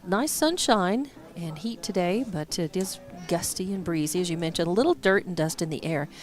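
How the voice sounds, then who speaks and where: A woman's voice: lowish voice, animated, normal speed, a little mellow, faint music behind. A woman doing color commentary at a local baseball game, friendly and conversational with rambling asides.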